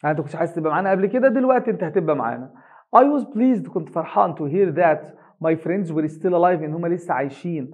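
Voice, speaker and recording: High-voiced Egyptian man teaching English. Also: a little mellow. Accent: Egyptian Arabic. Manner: reads English slowly and carefully, then translates briskly in colloquial Arabic. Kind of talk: reading an English reader aloud line by line and translating it.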